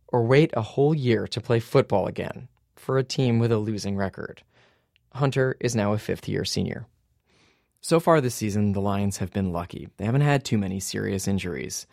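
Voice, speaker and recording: A man's voice: mid-range voice, gravelly, a little mellow, no echo. A man in his forties narrating a reported documentary podcast in a dry, wry storytelling manner.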